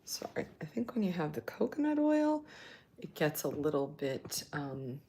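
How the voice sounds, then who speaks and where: A lifestyle channel host hosts a casual cooking livestream from her home kitchen, hesitant and thinking aloud as she works. Her voice sits low and sing-song at a moderate pace, with slight background noise. The room is echoey, and dishes and cutlery clatter loudly.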